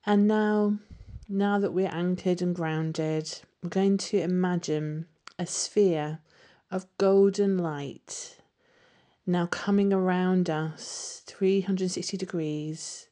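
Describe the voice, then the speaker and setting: A woman leading a guided meditation with soothing, unhurried instruction. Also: lowish voice, fairly even intonation, mellow.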